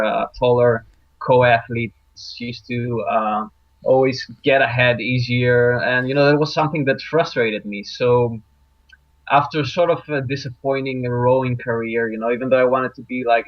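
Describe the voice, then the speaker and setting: A young man from Greece, a guest in an interview, talking in a relaxed, reflective way with many fillers. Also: mid-range voice, no echo. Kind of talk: casual interview talk. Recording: dry, dull lo-fi line.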